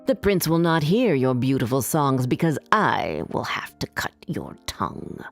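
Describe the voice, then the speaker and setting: A woman voicing a wicked old female sea witch, speaking slowly and low with a cold, threatening manner. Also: sing-song, creaky, faint music behind, exaggerated voice.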